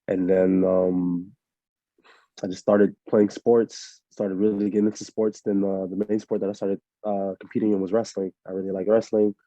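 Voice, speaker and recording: A relaxed young man answers interview questions in a low, very dark and flat voice, rambling with plenty of fillers. The sound is dry and a little muffled, with no room around it. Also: moderate pace, no room sound. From Miami, USA. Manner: laid-back, rambling with many fillers. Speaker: interview guest, fighter. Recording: muffled lo-fi audio.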